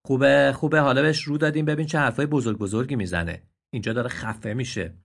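A man voicing a gang of rowdy, mocking stable donkeys in a read-aloud story, loud and teasing with a husky tone. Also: medium pitch, lively intonation.

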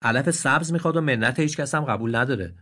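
A man's voice: medium pitch, pitched above the performer's own voice. Man doing rowdy mocking donkeys. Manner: loud and teasing.

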